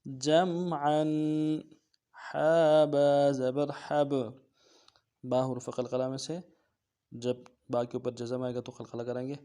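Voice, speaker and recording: A man with a Pakistani Urdu accent teaching Quran reading, who spells out syllables slowly and drills them, then rushes through quiet explanations. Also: medium pitch, level tone. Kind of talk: slow drilled recitation lesson.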